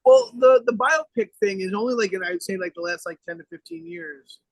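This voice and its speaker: A young man with a notably high voice, talking brashly and swearing at every turn as he rambles through a casual podcast chat. The sound is dry and close, with little room around it. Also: a little fast, no room sound, rough recording. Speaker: podcast co-host. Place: outdoors.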